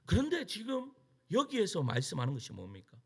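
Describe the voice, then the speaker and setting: Delivering an emphatic sermon full of call-and-response, this middle-aged male pastor fires rhetorical questions at the congregation and then answers them. He speaks briskly in a high-pitched, slightly rough and creaky voice with a darkish tone and enormous pitch swings.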